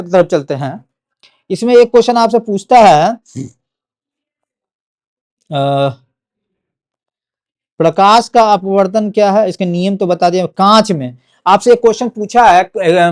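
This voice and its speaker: A young man with a Bihari Hindi accent teaching a board exam physics lesson, repeating key terms and checking in often with "okay". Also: sits high. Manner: repetitive, drills key words, frequent "ठीक है".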